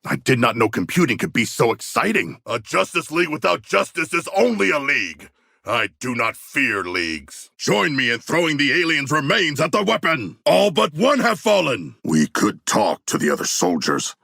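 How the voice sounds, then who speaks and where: A huge shark-man warrior from a video game, with a rough, gravelly voice that swings widely in pitch. He speaks in formal, grandiose phrases, courteous and earnest yet hungry for battle. The sound is forceful and close. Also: very animated, normal speed, dry recording, exaggerated voice. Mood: battle-eager, urgent. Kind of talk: video game character voice lines.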